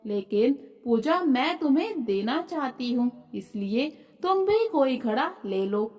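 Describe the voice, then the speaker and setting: Storybook role: a generous old grandmother, read by a woman, slow and high-voiced. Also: very animated, darkish tone. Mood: kindly. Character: kindly old village grandmother.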